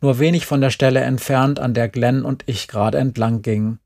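A man reads a story aloud in a calm, steady storytelling manner. His mid-range voice carries a gravelly, creaky edge. The narration is even and measured. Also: mid-range voice. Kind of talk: audiobook reading.

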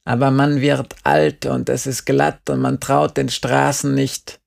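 A man voicing a stubborn, weary old farmer in an audiobook, speaking in a slow, drawn-out grumble. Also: medium pitch, flat delivery, creaky. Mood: matter-of-fact. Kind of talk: audiobook character voice.

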